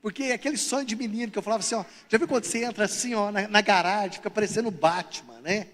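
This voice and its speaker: A man's voice: sits high, racing, a bit bright. A Brazilian man preaching a sermon, telling humorous stories and acting out the people in them. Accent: Brazilian Portuguese. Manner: humorous, acts out characters in his stories. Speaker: pastor. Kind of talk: sermon with storytelling. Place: church hall. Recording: long reverb of a church hall.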